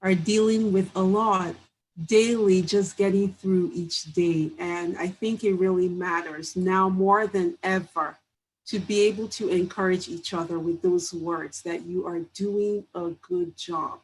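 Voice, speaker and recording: A woman hosting a podcast interview who talks warmly and from the heart, and speaks straight to her listeners. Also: fairly low pitch, steady tone, unhurried, a little hiss or hum, low-quality recording. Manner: warm, heartfelt, addresses listeners directly. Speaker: podcast host. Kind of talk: casual interview talk.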